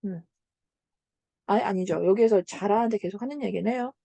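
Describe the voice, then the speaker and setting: A woman's voice: mid-range voice, moderate pace, gravelly, no room sound. A woman tutoring Korean literature, walking through exam answers in a chatty way and checking in with her students as she goes. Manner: chatty, checks in with "right?" and "got it?"; retells story lines in a lively voice.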